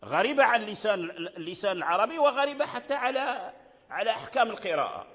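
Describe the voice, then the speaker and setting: An older man gives a slow, deliberate religious lesson in a fairly high voice. He repeats his phrases and breaks into short chanted verses. A long reverb hangs behind him, as in a large hall. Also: big pitch swings, a bit bright. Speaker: Quran recitation teacher. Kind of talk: religious lesson on recitation rules.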